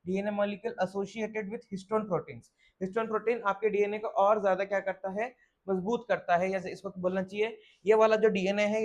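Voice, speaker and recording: A young male biology teacher, giving a step-by-step lecture to students, asking questions and answering them himself. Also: high voice. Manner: explains step by step, asks and answers questions aloud, frequent "theek hai". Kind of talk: classroom lecture.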